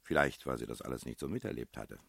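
A man reading a novel aloud in a measured, expressive storytelling manner. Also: rumbling low, vocal fry, husky, no room sound, studio quality. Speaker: audiobook reader. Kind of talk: literary narration.

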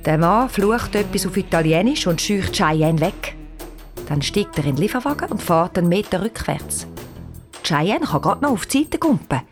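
Expressive Swiss German woman storyteller. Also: on the low side, moderate pace, faint music behind. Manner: lively, expressive reading. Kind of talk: children's storybook narration.

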